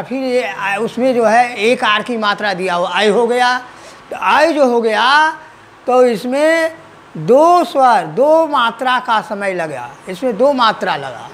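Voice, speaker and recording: Slow, patient male teacher. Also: extremely high pitch, a bit bright. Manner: slow, repeats questions and answers for students. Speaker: school teacher. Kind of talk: online grammar lesson.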